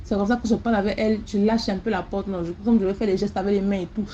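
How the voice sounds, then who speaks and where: Fast-talking woman telling a spooky story. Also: medium pitch, highs cut off, a little hiss or hum. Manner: animated, repetitive, with sound words. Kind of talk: first-person mystical story.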